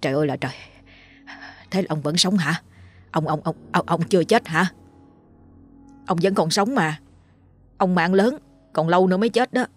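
A woman voicing a frightened old male village healer, speaking low and hushed in a storybook horror tale. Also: moderate pace, pauses often, husky, soft background music. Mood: terrified.

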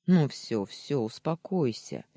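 A reader voicing a gentle, embarrassed married man who reassures and calms. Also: medium pitch, slow pace, slightly rough, no room sound, clean studio sound, heavily acted. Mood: soothing. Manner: soft, reassuring.

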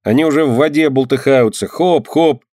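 A man voicing a lively, stubborn little girl in an audiobook, his voice raised and eager. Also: mid-range voice, normal speed, no room sound, studio quality, voice pushed up, lightly acted. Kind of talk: audiobook character voice.

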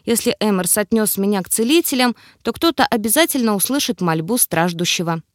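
A woman's voice: medium pitch, lively intonation, brisk, dry recording, studio quality, natural voice. Weak, pleading young heroine, read by a woman.

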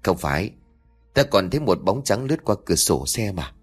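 A man's voice: deep voice, sing-song, a little fast, husky, faint music behind, full character voice. A man voicing a frightened, superstitious male truck driver warning his nephew. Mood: scared. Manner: anxious, trembling.

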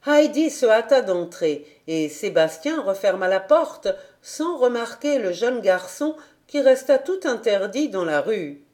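A woman reading a children's novel aloud as an audiobook, in an expressive, measured way. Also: on the high side. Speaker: audiobook reader. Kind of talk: storybook narration.

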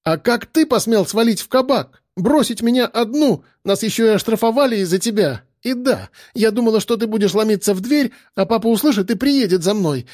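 Man doing a spoiled young woman, thin squeaky voice, whiny, accusing, high and shrill, dry close sound. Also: lively intonation, brisk, hardly any pauses, darkish tone, no room sound. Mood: indignant. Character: young woman Milana, spoiled, tearful and indignant.

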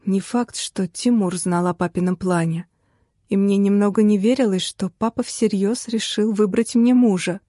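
A young woman reading a first-person novel aloud in a lively, wry storytelling voice. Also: medium pitch, normal speed, no echo, studio quality. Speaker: audiobook narrator. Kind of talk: first-person audiobook narration.

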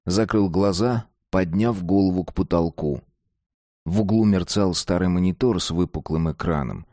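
A man reading a dark story aloud, slow and deliberate. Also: deep voice, no echo, clean studio sound. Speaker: narrator. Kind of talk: scripted narration of a dark story.

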